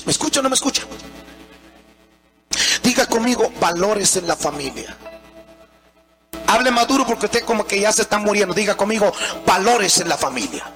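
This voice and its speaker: A Guatemalan preacher with a very high, bright, forceful voice and a gravelly edge. He swings between shouted sing-song peaks and slow, drawn-out stresses, with faint music behind him. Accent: Guatemalan Spanish. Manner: acts out quoted mothers and children in raised voices. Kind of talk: sermon.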